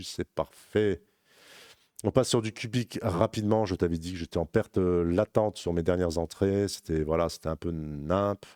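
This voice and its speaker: Low-voiced man rambling through charts. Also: mellow, no room sound, studio quality. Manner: rapid, rambling, self-correcting. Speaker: crypto trading analyst. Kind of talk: casual chart walkthrough addressing viewer as tu.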